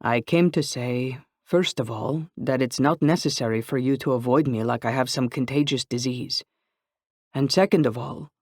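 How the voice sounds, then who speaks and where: A man reading an earnest, gentle young man. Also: medium pitch, no echo, clean studio sound, lightly acted. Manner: soft-spoken and slow. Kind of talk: audiobook character voice.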